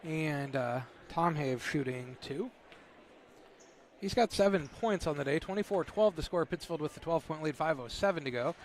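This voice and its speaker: Higher-voiced man giving game stats. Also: expressive, normal speed. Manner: stat-focused, conversational analysis. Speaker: color commentator. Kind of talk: live sports commentary. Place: high school gym. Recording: noisy gym ambience behind.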